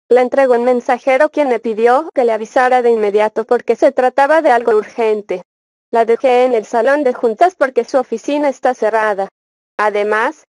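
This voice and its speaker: A woman reading a spelling lesson as scripted instruction, dictating words slowly and carefully. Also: on the high side, a little mellow, no echo, studio quality. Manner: slow, careful word-by-word dictation. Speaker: narrator of a spelling course.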